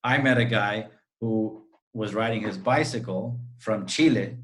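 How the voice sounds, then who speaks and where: A fairly low-pitched Costa Rican real estate agent speaks at a measured pace during a video call interview, giving friendly, expansive answers that run on at length.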